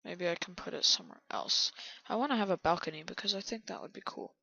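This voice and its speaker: Soft, half-whispering gravelly guy. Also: sits high, fast talker, dull audio. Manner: soft-spoken, often half-whispering to himself. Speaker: channel host building in a video game. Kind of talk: quiet gameplay commentary.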